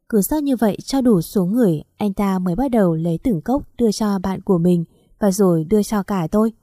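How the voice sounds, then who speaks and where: A woman reading a first-person story aloud in a steady, even storytelling manner. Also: medium pitch, no echo, clean studio sound. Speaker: story narrator.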